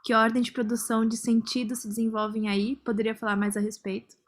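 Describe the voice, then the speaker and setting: A woman asking questions on an online academic panel, measured and reading out a colleague's question. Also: on the high side, level tone. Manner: measured, reads a question aloud.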